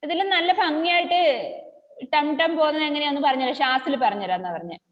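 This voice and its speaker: Kindergarten teacher, woman, high voice, sing-song and coaxing; muffled lo-fi audio with long reverb. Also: sing-song, fairly bright tone. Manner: slow sing-song chanting, coaxing young pupils. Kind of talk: online class teaching.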